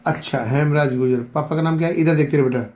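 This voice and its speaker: Talking fast in a fairly high, steady voice, a man conducts an on-the-spot interview with a couple. He echoes every answer they give, keeps probing, urges them to speak up, and addresses people as "beta."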